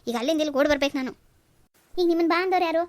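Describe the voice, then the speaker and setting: Brief: a performer doing an accusing young husband in a cartoon, high voice, quick and dry. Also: no echo, natural voice. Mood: indignant. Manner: accusing, scolding. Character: angry young husband scolding his in-laws. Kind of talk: cartoon voice acting.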